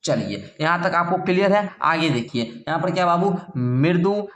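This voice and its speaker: A man teaching an English lesson in Hindi, slowly repeating words for his students and often checking that they follow. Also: a little high, lively intonation, fairly bright tone, roomy sound. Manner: checks in with "thik hai" and "samjhe" often.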